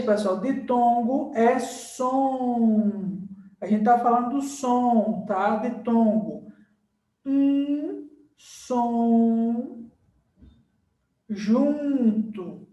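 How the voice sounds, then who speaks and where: Male teacher, slow and repetitive, checks in with the class, recorded off-mic in an echoey room. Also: very high voice, warm tone, far from the mic. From Brazil. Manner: slow, repeats words and checks in with "tá?" and "certo?". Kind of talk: recorded grammar lesson at a board.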